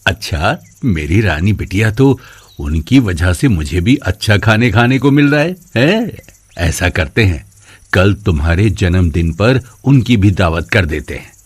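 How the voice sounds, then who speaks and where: A man's voice: low-pitched, animated, measured pace, slightly rough, no room sound, full character voice. A doting factory-worker father. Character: loving widowed father who works in a factory.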